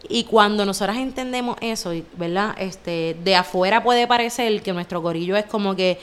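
A woman's voice: medium pitch, moderate pace, clean tone. A young adult woman, co-hosting a casual faith chat podcast and acting out quoted voices as she talks. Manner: animated, acts out quoted voices. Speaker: podcast co-host.

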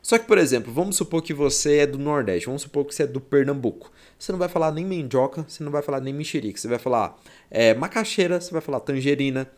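A young male teacher with a Goiás Brazilian Portuguese accent runs a relaxed exam-prep lesson. He talks in a chatty, slangy way and keeps things playful. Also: on the high side, fast talker.

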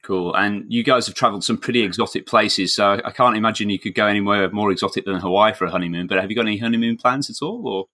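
A man's voice: on the low side, fast, few pauses, sharp tone. A middle-aged man with a broad Yorkshire accent, hosting a podcast in an enthusiastic, wordy, chatty way. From north of England. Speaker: podcast host, swimming coach. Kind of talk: chatty podcast introduction and interviewing.

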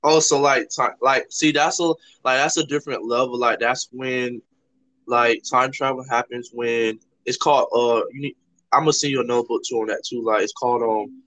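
A Toronto man hosts a podcast in a mid-range, fairly bright voice with fairly even intonation and a moderate pace. He explains ideas earnestly but ramblingly in a casual conversation, leaning heavily on "like" as a filler. The lo-fi audio sounds slightly dull, though there's no echo.

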